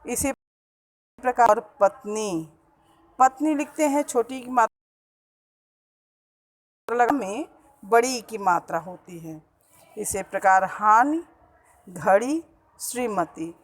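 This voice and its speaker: Slow-spoken woman teacher. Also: a little high, animated, rough recording. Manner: slow, patient, repeats each word to stress correct pronunciation. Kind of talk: school grammar lesson.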